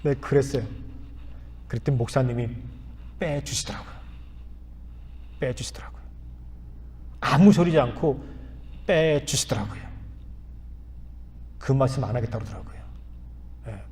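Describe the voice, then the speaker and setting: A man's voice: mid-range voice, moderate pace, long pauses. Man in his fifties preaching in a reverberant church. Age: 50s. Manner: storytelling with soft asides and earnest appeals. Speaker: pastor. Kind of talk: sermon. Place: church sanctuary.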